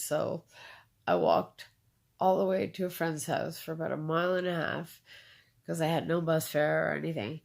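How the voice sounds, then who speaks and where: A woman speaks in a somewhat low register with a rough, gravelly edge. She tells her own story in conversation, pausing on fillers and repeating key phrases for emphasis. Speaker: interviewee.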